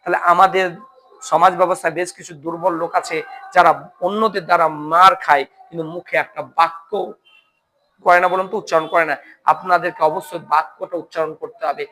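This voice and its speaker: High, bright-voiced male teacher telling a moral tale. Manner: keeps asking listeners if they follow. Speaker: coaching center teacher. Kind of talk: moral storytelling talk.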